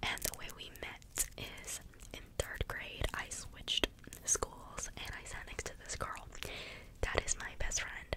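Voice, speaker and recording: A young adult speaks in a soft, breathy ASMR whisper, rambling casually through everyday stories and drifting into tangents. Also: measured pace, low-quality recording. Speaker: ASMR video creator.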